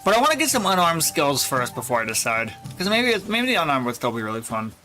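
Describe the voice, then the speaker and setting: A man's voice: on the high side, very animated, quick pace, bright, forceful tone. A man streaming a game, commenting casually to himself, swearing and puzzled at what happens. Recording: faint game music behind.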